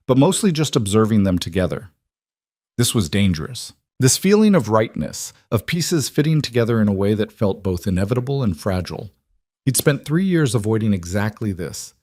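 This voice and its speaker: Male narrator, low voice, measured scripted storytelling, dry close mic. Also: a little mellow, no room sound.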